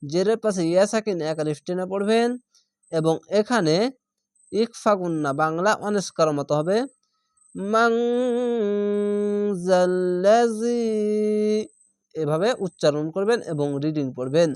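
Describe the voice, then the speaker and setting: A man's voice: fairly high pitch, normal speed, a little mellow, clean tone, no room sound, studio quality. A man teaching Quran reading, who spells out each letter and syllable, repeats the sounds and stretches the vowels before joining them into words. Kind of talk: step-by-step recitation lesson.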